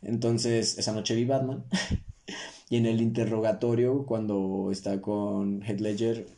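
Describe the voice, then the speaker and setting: A man's voice: lowish voice, fairly even intonation, measured pace, dark tone, slight background noise. A young man with a Mexican accent, hosting a solo podcast in a joking, slangy, self-mocking way. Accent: Mexican Spanish. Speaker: podcast host. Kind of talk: casual solo podcast monologue.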